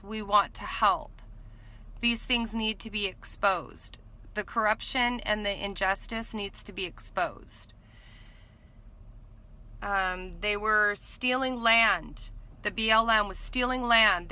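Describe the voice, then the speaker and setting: Woman in her 30s, bright forceful voice, earnest and opinionated, kinda halting, recapping off her notes. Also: mid-range voice, low-quality recording. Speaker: vlogger recapping a court trial. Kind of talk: informal spoken recap read from notes. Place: inside a parked car at night. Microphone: phone or camera at arm's length.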